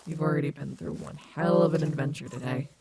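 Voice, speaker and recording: A woman's voice: low-pitched, fairly even intonation, fast, gravelly, heavy background noise. A woman playing a sarcastic, short-tempered yet caring animatronic wolf in an audio roleplay, with an exasperated manner. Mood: soft, comforting.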